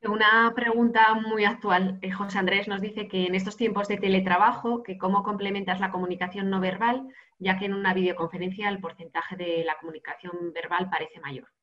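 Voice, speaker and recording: A woman's voice: medium pitch, fairly even intonation, a little fast, hardly any pauses. A woman moderating a webinar, reading out audience questions with some hesitant fillers. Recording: dull lo-fi webinar audio.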